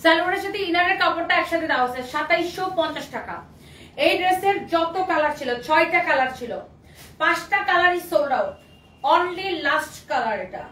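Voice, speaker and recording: Hoarse high-voiced woman selling clothes live. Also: bright, forceful tone. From Bangladesh. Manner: repetitive, coaxing, mixes English phrases. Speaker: online clothing seller. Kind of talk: live-stream sales pitch. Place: clothing shop. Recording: roomy, slightly distant, faint background noise.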